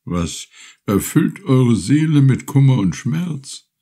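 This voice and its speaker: A man voicing a bent, frightened very old male villager who asks slow, halting questions. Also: medium pitch, very animated, dark tone, pitched above the performer's own voice, full character voice.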